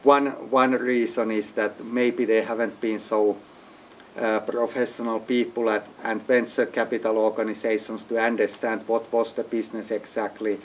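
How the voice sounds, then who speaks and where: A man's voice: on the low side, flat delivery, normal speed, slight background noise. A man from Finland being interviewed as an entrepreneur, speaking English as a with hesitant phrasing and frequent restarts. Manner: hesitant, restarts often, non-native phrasing. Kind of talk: business interview. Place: executive briefing center.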